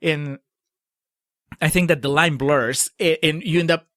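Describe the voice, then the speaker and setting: A man's voice: fairly high pitch, steady tone, measured pace, fairly bright tone, no echo, studio quality. A young adult man from Peru co-hosting a podcast, giving blunt, opinionated film criticism. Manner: opinionated, critical, laughs often. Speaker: podcast co-host. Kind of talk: casual film discussion.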